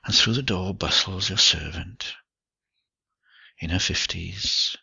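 A man telling a slow, intimate second-person story in a hushed, breathy voice that often drops to a whisper, on a dull lo-fi recording. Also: low voice, no room sound.

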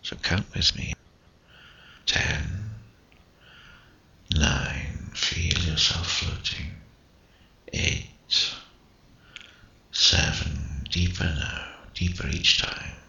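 Male, gravelly, slow hypnotic whisper right in the ear for intimate relaxation audio; breathy, close-miked. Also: fairly even intonation, pushed and bright, dull audio. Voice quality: breathy, husky, gravelly low voice. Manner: slow, coaxing, hypnotic delivery with short phrases.

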